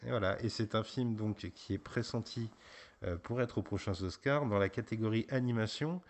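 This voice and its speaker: A man hosting a casual podcast, patiently guiding a young guest with gentle questions. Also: on the low side, normal speed. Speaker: podcast host interviewing a child.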